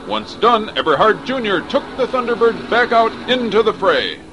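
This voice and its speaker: A man's voice: high-pitched, expressive, moderate pace, noisy background. A man giving an earnest, mock-serious sports news report as announcer.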